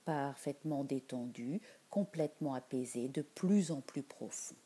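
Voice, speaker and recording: A woman leading a guided meditation in a soft, soothing voice that drifts into whispers. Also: a bass voice, unhurried, breathy edge.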